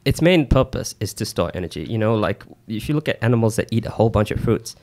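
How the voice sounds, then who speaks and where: Lower-pitched New man, casual podcaster. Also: expressive, darkish tone. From New Zealand. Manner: halting, informal, peppered with "you know". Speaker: podcast co-host explaining nutrition. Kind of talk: casual explanatory chat. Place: small indoor podcast studio. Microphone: close boom-arm studio mic with headset.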